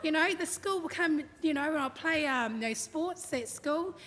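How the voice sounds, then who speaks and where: A woman speaks at a normal pace in a high, slightly bright voice, delivering a humorous, chatty eulogy for her father at a family service and performing his quotes. The large memorial hall sounds echoey, with faint noise behind her.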